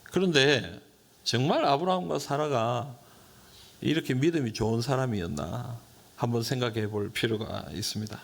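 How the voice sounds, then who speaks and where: A man's voice: mid-range voice, moderate pace, vocal fry. A male pastor preaching a sermon and posing questions to his congregation. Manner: animated, rhetorical questions to the congregation. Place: church sanctuary.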